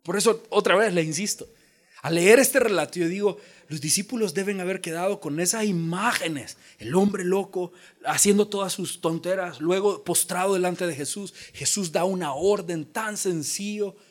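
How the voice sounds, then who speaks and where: A pastor from El Salvador preaching a lively sermon, joking and acting out the voices in the story. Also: male voice, high-pitched, normal speed. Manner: animated preaching with jokes and acted-out voices.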